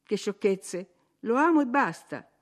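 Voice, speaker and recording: A woman's voice: mid-range voice, very animated, unhurried. A woman voicing an impetuous, willful young woman who speaks in an emphatic, insistent way.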